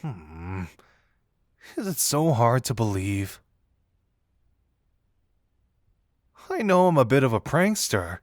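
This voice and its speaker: Man acting Dazai, a teasing, lively flirt. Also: medium pitch, no room sound, studio quality. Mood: sheepish, earnest. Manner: teasing, theatrical, drawn-out words. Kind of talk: intimate roleplay audio acting.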